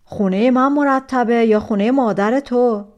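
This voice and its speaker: A hulking fairy-tale demon, voiced by a woman reading the story aloud barks questions and commands. The voice is loud and demanding and sits a little high. It has a storybook-telling feel. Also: muffled recording, close to an everyday voice. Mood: questioning.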